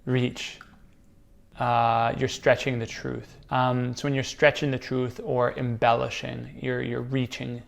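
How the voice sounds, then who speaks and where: A man with a noticeable creaky fry in his voice plays a casual guessing game. He thinks out loud in a jokey way and tosses out improvised examples at a middling pitch. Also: little pitch movement, slow pace. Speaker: contestant guessing slang.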